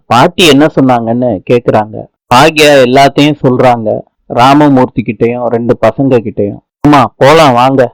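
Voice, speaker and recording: A man's voice: mid-range voice, no echo, low-quality recording. A man narrating a TV serial episode recap in casual colloquial speech, reading out every character's lines in his own voice.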